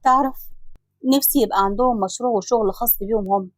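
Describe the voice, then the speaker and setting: A woman's voice: medium pitch, quick pace, dry recording, studio quality, natural voice. A woman with an Egyptian Arabic accent voicing a generous married woman wronged by her siblings, speaking emotionally. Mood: warm. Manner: emotional, pleading, indignant.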